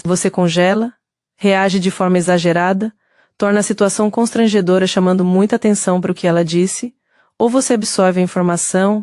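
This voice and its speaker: A woman with a Brazilian Portuguese accent giving steady scripted narration that speaks directly to the listener. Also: mid-range voice, dry recording, studio quality.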